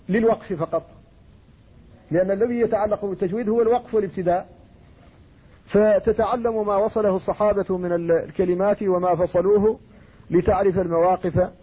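High-voiced husky male scholar lecturing. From Mauritania. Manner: measured, explanatory, reciting quoted verses and poetry. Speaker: Islamic scholar teaching Quran recitation. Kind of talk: classroom lecture. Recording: dull lo-fi recording.

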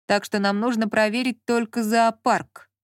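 A woman's voice: a little high, flat delivery, moderate pace, dry recording, studio quality, close to an everyday voice. Woman reading a mild puzzled grown man.

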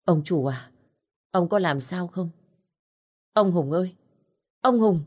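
A woman voicing a terrified aging female housemaid who shouts and pleads for help. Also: on the low side, a little slow. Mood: alarmed calling.

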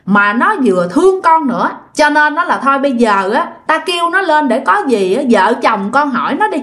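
A woman voicing a shrill male spirit speaking through a medium, stern and knowing. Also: very animated, normal speed, a bit bright. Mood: solemn.

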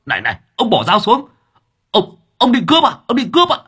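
A man voicing a hot-tempered male motorbike-taxi driver who talks loud, brash and crude. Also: fairly low pitch, big pitch swings, normal speed, husky, full character voice. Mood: blustering angry.

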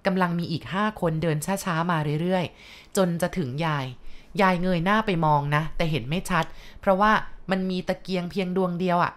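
A woman's voice: on the low side, steady tone, normal speed. Chatty woman telling a ghost story. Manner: chatty with asides to the listener. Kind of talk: casual ghost-story narration.

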